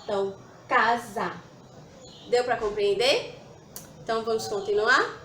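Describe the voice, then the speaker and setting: Slow, patient woman teaching children. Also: a little high, lively intonation, slight background noise. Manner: slow, patient, sounds out syllables. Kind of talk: children's lesson. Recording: echoey room with faint ambience.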